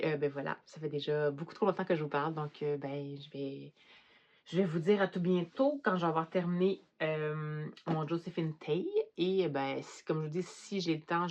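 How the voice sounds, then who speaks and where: Chatty Québécois woman, low voice. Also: dull audio. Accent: Québécois French. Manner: chatty, rambling, many fillers. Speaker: book vlogger. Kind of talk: casual chat.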